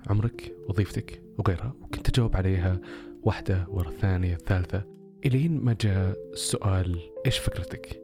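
A man's voice: deep voice, quick pace, music in the background. A man telling a personal story casually on a podcast, with many rhetorical questions.

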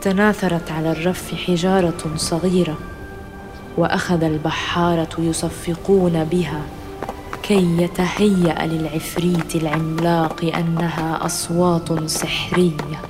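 A narrator reading a scripted children's adventure story in a measured storytelling style. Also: male voice, a little high, level tone, over music.

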